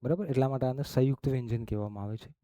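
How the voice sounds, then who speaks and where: A man with a mellow, mid-range voice teaches a class, recorded with no room sound. He goes slowly and explains things step by step, checking in after each point with "okay?" and "barabar?" in a classroom lesson.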